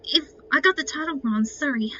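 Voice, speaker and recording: A gamer narrates her playthrough with casual commentary, explaining things to viewers as she goes. Her voice sits high and comes across as brisk, bright and forceful. The mic is muffled and lo-fi, with noticeable noise.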